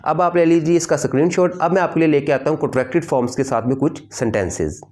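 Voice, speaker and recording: A man's voice: on the high side, fast, darkish tone. A man teaching an English grammar lesson, explaining patiently and repeating key points.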